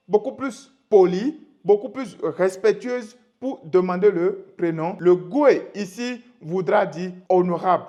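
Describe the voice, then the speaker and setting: A man from Benin, teaching a language lesson patiently and repeating example phrases slowly. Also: sits high, a little mellow. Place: room with a whiteboard.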